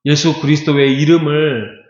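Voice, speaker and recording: Pastor preaching conversationally in an echoey church. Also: male voice, a little high, fairly even intonation, normal speed. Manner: conversational preaching with rhetorical questions to the congregation. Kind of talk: sermon. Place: church sanctuary. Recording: echoey church hall, dull lo-fi sound.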